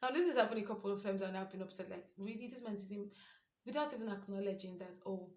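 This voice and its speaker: A woman's voice: mid-range voice, rapid-fire, darkish tone. A young woman sharing a casual devotional reflection, earnest and conversational, thinking aloud as she goes. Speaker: devotional speaker. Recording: roomy echo.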